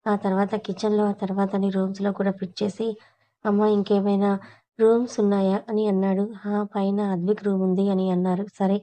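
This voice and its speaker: A woman tells a domestic story in a steady, even voice, reading every character's dialogue without much change in tone. Her voice sounds mellow and soft-edged, with little rise and fall. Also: medium pitch, brisk. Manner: reads all characters in a plain voice. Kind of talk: scripted story narration.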